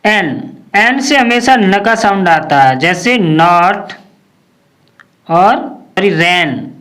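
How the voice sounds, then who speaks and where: Very slow-paced phonics teacher. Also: mid-range voice, expressive, fairly bright tone. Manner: slow, drilling questions and repeating each word. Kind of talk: phonics lesson.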